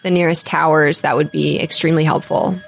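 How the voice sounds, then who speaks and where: A woman's voice: low voice, flat delivery, fairly quick, vocal fry, faint music behind. Chatty woman playing a tabletop game. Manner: laughing, chatty. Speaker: player. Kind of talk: tabletop role-play.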